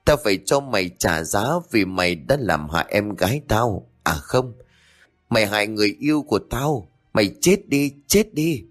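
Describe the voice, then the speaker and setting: A man voicing a hot-tempered young man who shouts in grief and fury, in an audio ghost story. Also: lowish voice, lively intonation, moderate pace, faint music behind. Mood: enraged. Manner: shouting, threatening.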